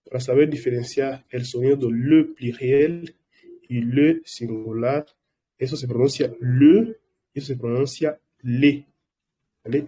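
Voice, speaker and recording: A man's voice: medium pitch, warm tone, breathy edge. A man teaching French in an online class, explaining patiently and checking in with frequent questions to his students. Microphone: computer microphone.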